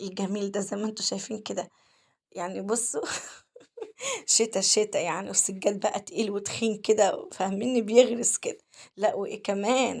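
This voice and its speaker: A woman with an Egyptian accent rattles off a story at a very fast pace, her voice rough with vocal fry. She speaks to her viewers directly as a home vlogger while she cleans her kitchen. Her pitch sits in a middle range. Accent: Egyptian Arabic. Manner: talks fast, keeps addressing viewers directly.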